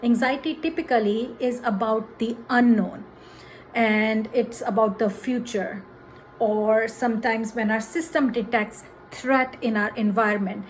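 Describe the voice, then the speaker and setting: A woman counselor leads a calm grounding exercise, explaining it to viewers in an encouraging, repetitive teaching way. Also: fairly high pitch, slight background noise, low-quality recording. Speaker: counselor presenting a grounding technique.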